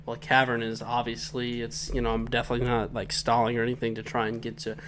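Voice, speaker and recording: A man's voice: medium pitch, completely flat delivery, quick pace, fairly bright tone, a little hiss or hum. A man co-hosting a podcast, doing a casual comedic recap with profane, teasing banter. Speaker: podcast co-host.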